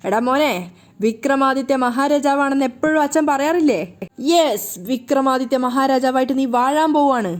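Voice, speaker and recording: Woman voicing a proud father in a serial retelling, high-pitched and boastful. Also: fairly even intonation, normal speed, lightly acted. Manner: boastful, fond. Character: proud doting middle-aged father.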